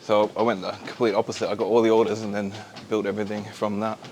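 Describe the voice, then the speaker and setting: Quick, lowish-voiced man talking on a treadmill. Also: level tone, darkish tone. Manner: talking while exercising on a treadmill. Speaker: company founder. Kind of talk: casual interview chat. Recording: faint ambient background noise.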